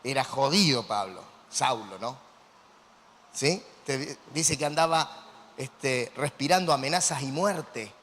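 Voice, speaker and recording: A man with an Argentine Spanish accent preaching a sermon as a pastor, animated and quizzing his congregation. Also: mid-range voice, measured pace, a little hiss or hum. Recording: long hall reverb.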